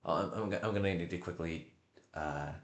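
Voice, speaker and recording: A man livestreaming casual, rambling commentary, halting and often repeating himself as he searches for words. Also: low voice. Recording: echoey room.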